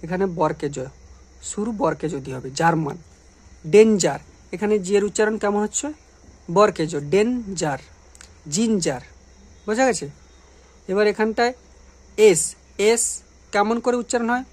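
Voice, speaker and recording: A woman's voice: mid-range voice, a little fast, long pauses. Woman teacher explaining grammar patiently. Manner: patient, asks questions and answers them. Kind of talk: grammar lesson.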